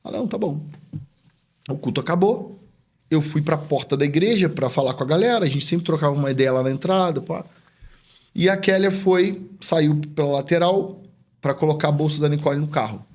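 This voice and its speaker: A man's brisk, slightly high voice with a darkish tone carries a personal story told on a podcast. He is a pastor and business owner, and he speaks in a chatty, heartfelt way while reenacting dialogue.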